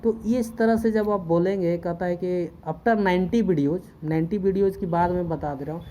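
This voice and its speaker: A man's voice: high voice, steady tone, moderate pace, dark tone, a little hiss or hum, rough recording. Earnest male English teacher. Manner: earnest, repetitive, drills words aloud for pupils to repeat. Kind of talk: spoken English lesson over a screen recording. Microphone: screen-recorder phone mic.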